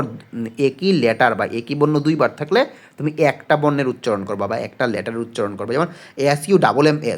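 A man tutors students for an exam, patiently explaining, asking his own questions and answering them, with frequent hesitation fillers. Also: medium pitch. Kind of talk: casual spoken lesson.

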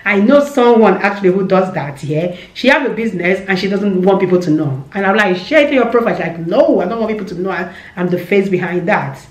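Seated before a camera in a shelved room with a roomy echo, a vlogger in her thirties with a Nigerian accent chats casually about business. She talks fast at medium pitch with few pauses, animated, repeating phrases and gesturing heavily with her hands.

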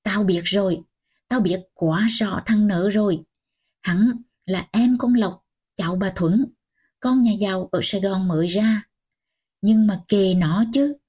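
A woman voicing a stern, old-fashioned grandmother, scolding in a slow, husky voice. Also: mid-range voice. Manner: scolding, sharp and commanding.

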